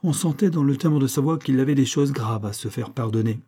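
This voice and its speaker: A man reading a classic short story aloud in a measured, expressive way. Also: medium pitch, slightly rough. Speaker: audiobook narrator. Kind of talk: literary audiobook reading.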